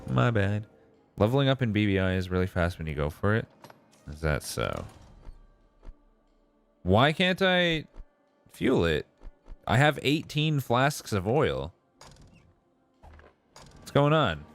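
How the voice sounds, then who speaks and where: Low-pitched man streaming a video game. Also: sing-song, a little slow, creaky, long pauses. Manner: reads and answers viewers' messages aloud. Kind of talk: casual live gameplay commentary. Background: game music.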